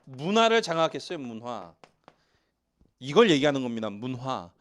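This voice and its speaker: A Seoul-based male pastor delivers a sermon in a church sanctuary, joking with the congregation and tossing in lively asides. His voice sits in the mid range, and he speaks at a moderate pace.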